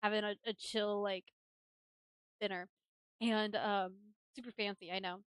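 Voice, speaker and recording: A woman's voice: mid-range voice, unhurried, clean tone, dry recording. Chatty young woman streamer, dry close sound. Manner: chatty, animated storyteller; laughs often while talking. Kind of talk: casual chat.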